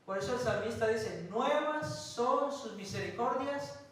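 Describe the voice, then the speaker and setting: Male pastor from Colombia, higher voice, emphatic sermon delivery, recorded from a distance in a church hall. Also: expressive, fairly bright tone. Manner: preaching with emphatic pauses and rhetorical questions.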